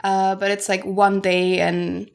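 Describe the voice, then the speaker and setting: A woman's voice: medium pitch, level tone, slow pace, gravelly. A young woman from Germany co-hosting a podcast in casual chat, talking freely and often searching for words. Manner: chatty, searching for words with many fillers. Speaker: podcast co-host.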